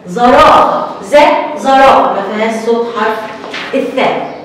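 A woman with an Egyptian Arabic accent leads a children's alphabet lesson with a slightly high voice. She draws out every letter sound slowly and clearly for little ones. The recording is distant and echoey, with a long hall reverb. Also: slight background noise. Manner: slow, drawn-out sounding of letters for small children. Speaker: kindergarten teacher.

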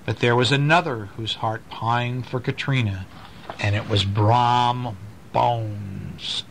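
In a noisy amateur home recording, a father reads a bedtime story aloud to a small child with lots of expression, stopping to explain things and ask questions. His medium-pitched voice is steady and slow, with some vocal fry.

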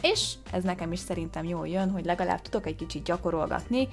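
Her voice on the low side and faint music behind her, a woman hosts a game video with casual commentary. She grows excited as she guesses, exclaiming and gasping, and sounds out English words hesitantly.

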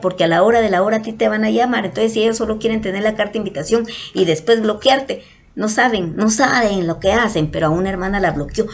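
A Guatemalan woman vlogger telling a story to her followers, affectionate and animated, acting out the people she quotes. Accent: Guatemalan Spanish. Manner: affectionate, calls listeners "mis amores"; animated, acts out quotes with big pitch jumps.

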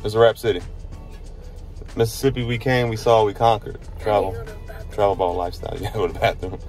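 Holding his phone at arm's length, this thirtysomething dad talks fast in a lowish, steady, slightly mellow voice while soft music plays behind him. It's a casual travel vlog of a road trip shot in the car, a hotel and outdoors. Relaxed and repetitive, he keeps chatting to his son.

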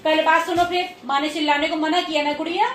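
A woman talking to her pet dogs in casual baby talk while she films, coaxing and scolding them gently and laughing often. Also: very high voice, fairly even intonation, fast, far from the mic. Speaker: pet owner vlogger. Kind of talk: casual vlog, talking to pets. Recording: echoey room, voice off-mic, faint noise.

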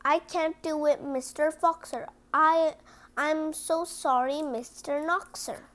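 A woman reads a children's picture book aloud, going slowly word by word and chatting with her listeners. Her voice sits high and stays steady, with a slightly bright quality.

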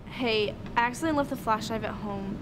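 A young woman plays a talkative teen schoolgirl, with her voice pitched a little high. Clear background noise runs under her lines. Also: fast talker, natural voice. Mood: fretful. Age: teens. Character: chatty teen schoolgirl, Victoria. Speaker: student. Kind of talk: amateur school drama.

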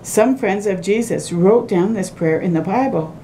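The audio is poor, though her warm voice moves at a normal speed. Sitting by a window in a small home room, a middle-aged woman reads a picture book to young children, slipping in asides and sing-song phrasing while a low rumble sounds behind her.

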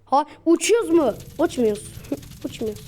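A woman giving casual, excitable commentary while playing a mobile game, repeating her cheers over and over. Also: high voice, moderate pace, a little hiss or hum.

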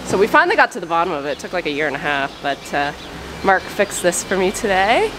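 Chatty thirties woman filming herself in a sheep barn, camera held out, steady barn noise behind her. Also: lowish voice, quick pace. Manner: chatty, thinks aloud with restarts. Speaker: sheep farmer vlogger. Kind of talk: casual vlog chat. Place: large covered sheep barn. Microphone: camera at arm's length.

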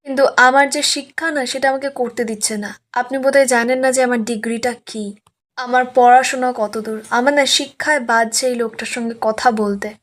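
A woman's voice: on the high side, fairly even intonation, normal speed, a bit bright, close to an everyday voice. A woman quoting a bold female professor who scolds and defies a powerful man. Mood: defiant. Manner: scolding and defiant. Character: bold, sharp-tongued female college professor.

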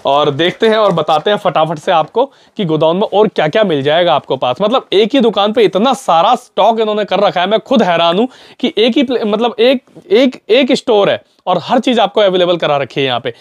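Young male vlogger, high voice, chatty shop-tour delivery on lapel mic. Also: animated, brisk, few pauses, no room sound. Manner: chatty, repeats prices back, talks to viewers as brother. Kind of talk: casual shop tour vlog. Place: indoor auto parts shop and warehouse.

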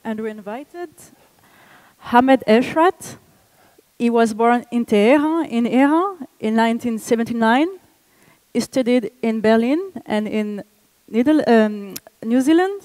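Slow, careful woman moderator introducing a guest, fairly high voice. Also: darkish tone, dry recording. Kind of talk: introducing a speaker.

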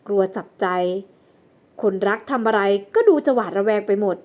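A woman's voice: mid-range voice, moderate pace, darkish tone. A woman narrating a homemade drama in an earnest, dramatic storytelling manner.

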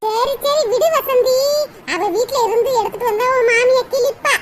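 A woman's voice: very high-pitched, normal speed. A woman voicing chatty, consoling village women in a cartoon, with a south Tamil Nadu accent. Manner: consoling, gossipy, calls others akka and di. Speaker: neighbor. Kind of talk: cartoon voice acting. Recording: loud background noise.

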